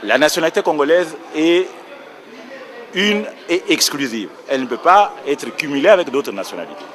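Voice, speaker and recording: A round table panelist on nationality law, this man explains a legal point in a precise, lecturing manner, correcting himself along the way. His voice is a little high and a bit bright, animated, at a moderate pace.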